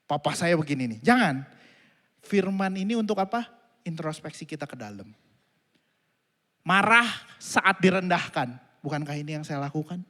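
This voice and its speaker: Man, pastor, high voice, lively sermon, long church reverb. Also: normal speed, pauses often. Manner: animated, acts out family dialogue, addresses congregation as Saudara. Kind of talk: sermon with storytelling. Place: church auditorium. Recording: reverberant hall.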